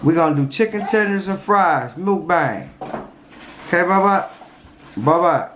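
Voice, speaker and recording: A man's voice: sits high, measured pace. A young man chatting casually at home in a vlog, patiently coaxing a little child to sit down and eat. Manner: gently coaxing a toddler, relaxed and patient. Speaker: vlogger and father. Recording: noisy home video.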